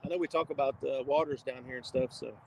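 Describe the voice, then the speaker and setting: Gravelly folksy man fishing on a livestream. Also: mid-range voice, steady tone, fast. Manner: folksy, reads viewer comments aloud. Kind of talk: casual live chat while fishing. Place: outdoors on a riverbank. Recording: noisy outdoor livestream with traffic sounds.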